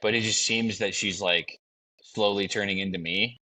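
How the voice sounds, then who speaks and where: Bright-voiced enthusiastic male podcast host. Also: fairly low pitch, fairly even intonation, moderate pace, rough recording. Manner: enthusiastic, many "like" fillers. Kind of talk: casual podcast conversation.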